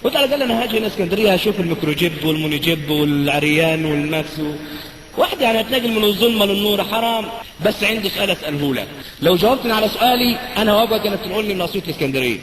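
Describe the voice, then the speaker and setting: A man's voice: high voice, lively intonation, rapid-fire, crowd noise. A man with an Egyptian Arabic accent, a former priest giving an impassioned, dramatic testimony in a mosque. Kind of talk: preaching personal testimony. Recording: echoey hall with faint noise.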